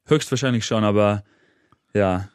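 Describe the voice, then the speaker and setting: A man in his thirties from England, with English as his first language, speaking German as a studio guest in an energetic, halting way, stopping to search for words. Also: fairly low pitch, smooth, dry recording. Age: 30s. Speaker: guest, motivational trainer. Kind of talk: interview answers. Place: radio studio.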